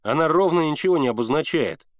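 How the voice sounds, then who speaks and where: An impatient, dismissive teenage boy in a storybook, voice pitched up and pushing hard, the pitch leaping all over, as a man reading aloud puts him on. The sound is close and dry. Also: animated, no room sound, close to an everyday voice. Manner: hurried, insistent, grumbling.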